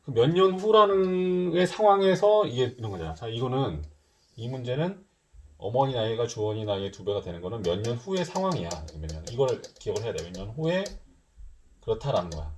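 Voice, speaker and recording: A man's voice: medium pitch, sing-song, brisk, a little mellow, slight background noise. A middle-aged man teaching a middle school math lesson in a casual style, thinking aloud and mixing polite and casual speech. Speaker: math tutor.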